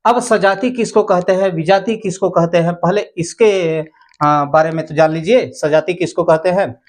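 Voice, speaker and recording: A man's voice: high-pitched, moderate pace. A male teacher giving an exam-prep grammar lesson, repeating key terms and asking rhetorical questions.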